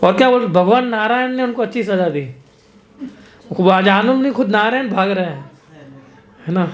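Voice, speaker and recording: Man, high voice, devotional story sermon, chants verses, chuckling asides. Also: animated, moderate pace, dull audio. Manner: chants verses, laughs often, rhetorical asides. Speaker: preacher.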